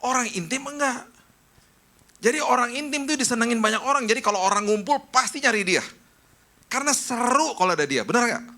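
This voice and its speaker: A man's voice: on the high side, pushed and bright. A middle-aged male pastor preaching a sermon, telling stories and acting out the voices of friends and family.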